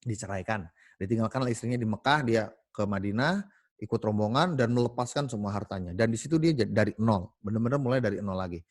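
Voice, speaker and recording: A man's voice: lowish voice, fast, no room sound, studio quality. A man speaking casually to his colleagues in a meeting, telling stories with animation and using many fillers and self-corrections. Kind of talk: casual storytelling talk to colleagues.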